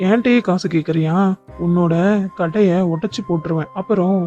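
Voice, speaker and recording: Man doing a gruff bully eagle, greedy, threatening, mellow dark tone, muffled lo-fi sound. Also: high voice, moderate pace, soft background music, lightly acted. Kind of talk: cartoon voice acting.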